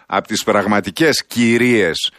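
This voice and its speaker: A man's voice: lowish voice, a bit bright, no room sound, studio quality. Courteous man hosting a radio show. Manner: courteous, formal greeting and flowery praise. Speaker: radio host. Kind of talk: radio interview.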